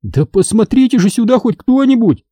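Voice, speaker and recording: A man voicing an eager, insistent young boy who shouts and pleads in a high voice. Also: big pitch swings, measured pace, breathy edge, no room sound, exaggerated voice. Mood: excited.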